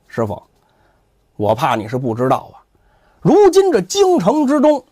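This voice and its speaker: A man acts out a haughty young monk in a spoken storybook tale. He is boastful and sneering, talking down to his listener with menace. His pitch swings very widely, and the sound is close and dry. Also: wildly swooping pitch, moderate pace, mellow, no echo, heavily acted. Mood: haughty, menacing. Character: smug, threatening young temple monk guarding donation box.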